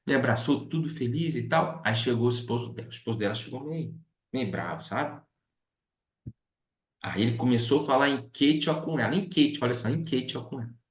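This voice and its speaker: A man's voice: medium pitch, a little fast. A man, a pastor, telling stories as he teaches a missions class, chatty and often asking his listeners questions. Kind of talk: storytelling lesson. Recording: roomy echo.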